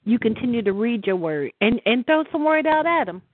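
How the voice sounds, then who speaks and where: A woman's voice: a little high, sing-song, brisk, no echo. A middle-aged woman on a church prayer call, speaking earnestly with stammered restarts, heard over the phone. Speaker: caller on a prayer line. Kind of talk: spoken encouragement in a church call. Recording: tinny dry phone line.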